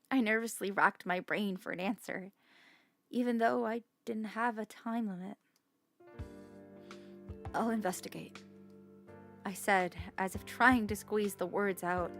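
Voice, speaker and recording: A woman's voice: medium pitch, no room sound. A woman streamer reading the text of a story game aloud, stumbling over unfamiliar words with light asides.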